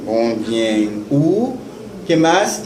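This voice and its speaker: A man teaching in a classroom, slowly repeating words for students to echo. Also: mid-range voice, big pitch swings. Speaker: Haitian Creole teacher. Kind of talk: classroom lesson. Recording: echoey classroom with faint noise.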